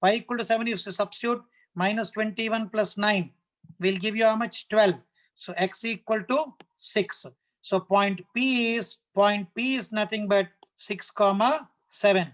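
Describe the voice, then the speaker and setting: Male maths tutor, South Indian accent, notably high voice. Talks a class through working step by step, repeating and checking often. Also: steady tone, a little slow, a bit bright, poor audio. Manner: didactic, repetitive, often checks understanding with short questions. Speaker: maths teacher. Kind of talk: live online maths lesson, working problems step by step.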